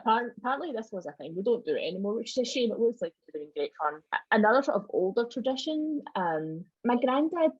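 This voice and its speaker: Over a video call, a Scottish club member gives an informal presentation on folk traditions, full of wry, joking asides. Her mid-range voice is a little mellow and slightly rough, and the dry call audio sounds slightly dull.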